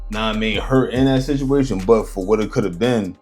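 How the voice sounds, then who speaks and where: A man's voice: fairly low pitch, brisk, darkish tone, faint music behind. A man giving casual video commentary in rambling street slang, often checking that listeners follow him.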